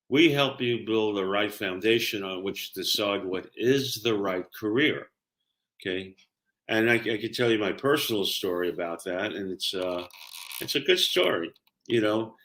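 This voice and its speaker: An older man speaks in a low-pitched voice with a clear Brooklyn accent. He explains things conversationally like a career coach, leaning on key words and often checking that the listener follows. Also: a bit bright. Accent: New York, Brooklyn. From Brooklyn, New York. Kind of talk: conversational explaining and personal storytelling.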